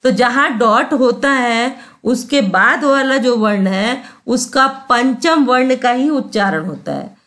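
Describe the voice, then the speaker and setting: A woman's voice: a little high, slow, fairly bright tone. A woman teacher giving a grammar lesson, patient, repeating sounds and often checking that students understand.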